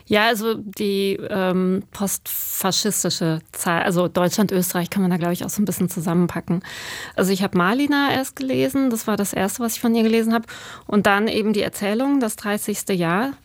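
A woman's voice: medium pitch, normal speed, no echo. Thoughtful woman author, dry close sound. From Germany. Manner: thoughtful, searching for words with many fillers. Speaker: author, interview guest. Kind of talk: reflective interview answers.

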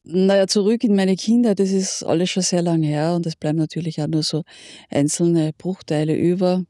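A woman's voice: on the low side, fairly even intonation, moderate pace, mellow, no room sound, studio quality. An older woman from Austria with an Austrian accent, talking in a thoughtful, circling way in an interview. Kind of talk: reflective interview.

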